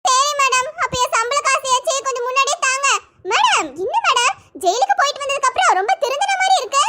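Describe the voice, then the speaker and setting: A scheming, gossipy young maid in a cartoon, voiced by a woman, speaking with a Tirunelveli Tamil accent. She wheedles in a very high, squeaky voice. Noise hisses under the recording. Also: lively intonation, quick pace, bright, forceful tone, full character voice. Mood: wheedling. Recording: noisy cartoon voice track.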